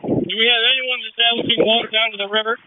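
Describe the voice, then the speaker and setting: A man's voice: very high-pitched, level tone, quick pace. A man working as a firefighter, passing operational questions and messages over a two-way radio. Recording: tinny narrow-band two-way radio.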